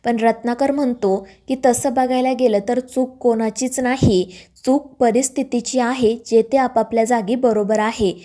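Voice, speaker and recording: Woman narrating a serial recap, slightly high. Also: moderate pace, few pauses. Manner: steady storytelling, reading quoted dialogue in the same voice.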